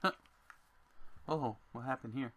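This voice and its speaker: A man designing a card game, thinking aloud to himself in a slow, musing way as he works. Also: medium pitch, fairly bright tone.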